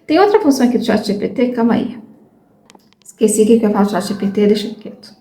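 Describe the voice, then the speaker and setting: A woman's voice: a little high, lively intonation, quick pace, mellow, echoey room. Chatty Brazilian woman in her thirties. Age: 30s. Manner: chatty, frank, loses her train of thought. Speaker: vlogger learning English. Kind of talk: casual chat to viewers.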